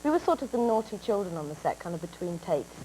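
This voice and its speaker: Speaking fast in a mid-range voice, this English actress in her twenties is a talk show guest who tells stories animatedly and bursts out laughing. The audio is poor, with a little hiss or hum.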